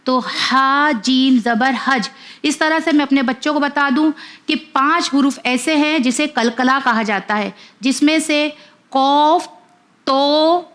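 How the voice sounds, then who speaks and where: Brief: a woman with a high voice as a patient children's reading teacher, spelling each syllable out and repeating it twice. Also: a bit bright. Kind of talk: slow letter-by-letter lesson for kids.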